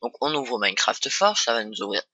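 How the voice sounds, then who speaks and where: A young man walks viewers through a casual screen-recorded tutorial, stumbling over fillers and restarting his sentences. His voice is very bright and forward, at a middling pitch. The sound is close and dry, with no room behind it. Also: big pitch swings, brisk, slightly rough, no echo, muffled recording. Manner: hesitant, many fillers and restarts. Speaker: tutorial host.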